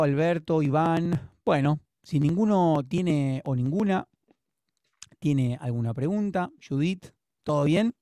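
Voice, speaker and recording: Recorded dry and at studio quality, a man with a fairly high, warm voice teaches drums in an online class via video call. He speaks with a Rioplatense Spanish accent and explains things in a patient, encouraging way.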